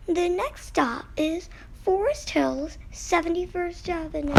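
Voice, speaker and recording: A woman's voice: very high voice, creaky. A woman with an American accent reading formal, scripted subway announcements over the train intercom. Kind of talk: scripted automated transit announcement. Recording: noisy subway car intercom recording.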